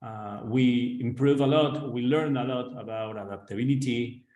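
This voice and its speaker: A man's voice: mid-range voice, normal speed, mellow, roomy sound, poor audio. Argentine man coaching a webinar audience. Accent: Argentine Spanish. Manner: earnest, addresses audience directly, frequent "right?" tag questions. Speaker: executive coach. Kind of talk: webinar presentation.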